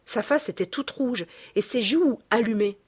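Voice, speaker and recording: Woman narrator for a classic audiobook, breathy, measured, hushed delivery. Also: a little high. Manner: measured, dropping to a hush. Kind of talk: scripted narration.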